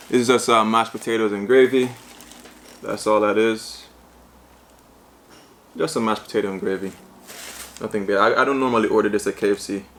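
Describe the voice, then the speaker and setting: A man's voice: fairly low pitch, noisy background. Jamaican man chatting through a food vlog. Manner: excited, casual, chatty. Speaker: vlogger. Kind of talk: mukbang vlog. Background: bag crinkling.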